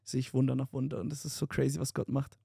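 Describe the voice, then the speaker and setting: A young man co-hosting a podcast, telling a story in casual chat, animated and mixing in English slang. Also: medium pitch, quick pace, vocal fry, husky, no room sound, clean studio sound. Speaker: podcast co-host.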